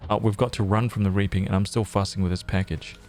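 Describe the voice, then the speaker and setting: A man's voice: lowish voice, fairly even intonation, quick pace, a little mellow, faint music behind, natural voice. A man reading the lines of Gleda, a grieving young woman, in a video game. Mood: brave.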